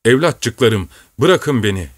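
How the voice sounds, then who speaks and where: A man's voice: mid-range voice, lively intonation, takes it slowly, no room sound. A man reading aloud voices a distraught older woman pleading and wailing over her husband.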